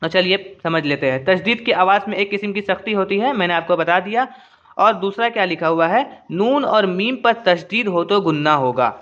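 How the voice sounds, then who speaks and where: A man teaching Quran reading slowly and patiently, drilling syllables one by one and checking that viewers understood. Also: high-pitched, expressive, fairly bright tone, dull audio. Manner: asks "understood?" often. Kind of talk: slow step-by-step recitation lesson.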